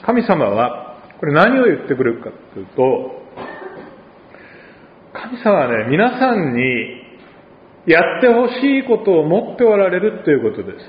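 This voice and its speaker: A male pastor with an Oita accent preaches a sermon in a conversational way, with dialect asides and gentle humor. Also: fairly high pitch, big pitch swings, measured pace, long pauses, reverberant, long reverb tail, dull audio, slight background noise. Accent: Oita Japanese.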